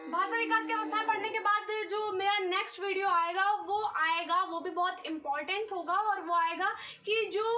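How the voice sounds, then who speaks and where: High, bright-voiced woman teaching. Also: slight background noise. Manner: explains step by step, often checks with "ठीक है". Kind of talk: exam-prep lesson. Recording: dull, slightly distant recording.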